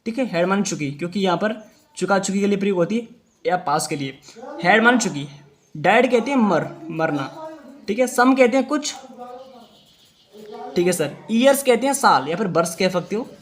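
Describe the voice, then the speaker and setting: A man, teaching English reading; he asks questions and answers them himself, reading sentences slowly word by word. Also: high voice, lively intonation. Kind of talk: Hindi-language reading lesson.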